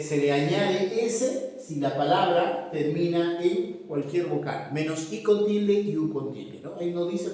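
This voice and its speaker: A man's voice: on the high side, mellow. A man explaining a grammar lesson step by step, often checking in with his students. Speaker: teacher. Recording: echoey room, voice far from mic.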